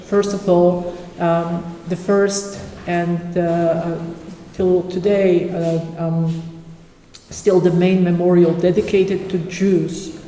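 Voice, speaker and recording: A conference speaker giving an academic presentation with slides, halting and full of pauses and fillers. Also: medium pitch, little pitch movement, mellow, slight background noise. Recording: echoey hall with long reverb.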